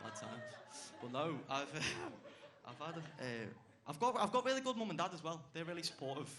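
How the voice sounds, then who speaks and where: A man's voice: a little high, lively intonation, moderate pace, background noise. A young man doing a stand-up routine on a club stage, brash and swearing, chuckling at his own lines. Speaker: stand-up comedian.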